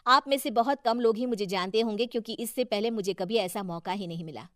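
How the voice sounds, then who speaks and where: A woman's voice: medium pitch, brisk, a bit bright, no room sound, studio quality, lightly acted. A woman voicing a wronged, earnest wife and councillor who speaks up indignantly in a cartoon story. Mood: earnest, resolute. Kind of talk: cartoon moral story dialogue.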